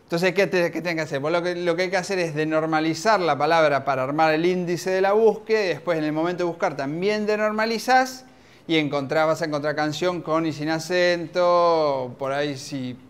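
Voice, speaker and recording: A man with an Argentine accent giving an informal, lively technical talk at a conference, often restarting his sentences. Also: fairly high pitch, fairly quick, clear, resonant tone. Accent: Argentine Spanish. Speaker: conference speaker. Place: conference room.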